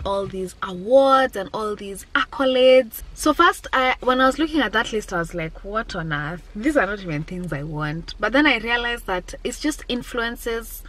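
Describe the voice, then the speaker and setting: A woman in her twenties, a vlogger and business owner, talks candidly and reflectively to her viewers, often repeating key phrases for emphasis. Her medium-pitched voice has a sharp tone, and the recording quality is low.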